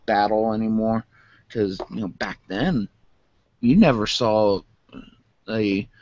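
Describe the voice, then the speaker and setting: A man with a self-described monotone voice chatting casually through a toy unboxing, rambling with lots of fillers. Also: mid-range voice, highs cut off. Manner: rambling, many fillers, calls own voice monotone. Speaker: vlogger.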